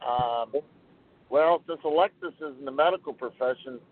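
Put on the spot as a show participant, a man with a medium-pitched voice jokes along in casual chat, sounding hesitant and flustered at a moderate pace. He comes through a tinny phone line with clearly audible noise.

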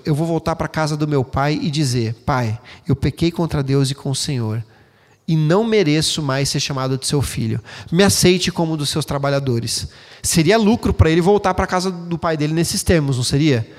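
A man preaching a sermon as pastor, expressive and speaking directly to the congregation. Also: a little high, moderate pace. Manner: expressive, acts out quoted voices, addresses the congregation directly. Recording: long hall reverb.

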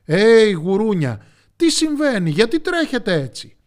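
Brief: man doing loud, puzzled storybook elephants. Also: a little high, big pitch swings. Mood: bewildered. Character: herd of bewildered elephants.

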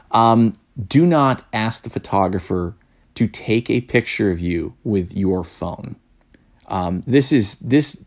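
A man with a low, gravelly voice talks casually as a wedding photographer giving advice. He rambles, circles back and repeats himself, and he gets blunt and a little worked up. The tone stays loose and conversational. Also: darkish tone. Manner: rambling, many restarts and repeated words.

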